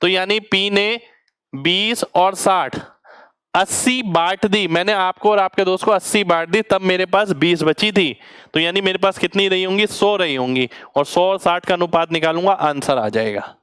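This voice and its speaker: A man's voice: sits high, normal speed, fairly bright tone, clear, resonant tone, dry recording, clean studio sound. A man teaching a maths exam-prep class, explaining each step patiently in with terms and often asking students whether they understood. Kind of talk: online exam-prep lecture.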